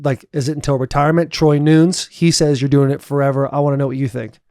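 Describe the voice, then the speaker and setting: Mellow-voiced male podcast host. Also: medium pitch, level tone, fast, no room sound, clean studio sound. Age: 30s. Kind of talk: casual podcast chat.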